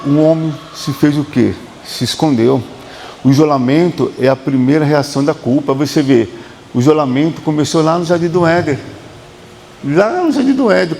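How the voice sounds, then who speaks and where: A man with a Brazilian Portuguese accent speaks as a psychotherapist, repeating his points in a preaching rhythm. His voice sits a little high and has a gravelly edge. The room adds a lingering reverb over faint background noise. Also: moderate pace, a little mellow. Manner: emphatic, repetitive preaching cadence with quoted dialogue. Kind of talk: motivational talk.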